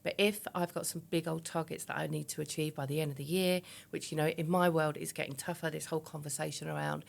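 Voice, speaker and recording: A woman's voice: sits low, steady tone, fast, creaky, few pauses. A woman, talking candidly and emphatically as a guest in a conversational interview, often acting out her own thoughts. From East London, England. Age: 50s. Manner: candid, chatty, emphatic, illustrates points with quoted self-talk. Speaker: interview guest, business founder.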